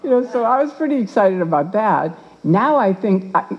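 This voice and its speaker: An older woman gives a talk to an audience, telling her own story in a lively way and acting out the voices of the people in it. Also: medium pitch, moderate pace, slightly rough, lo-fi sound. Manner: animated, acts out quoted voices. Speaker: guest speaker.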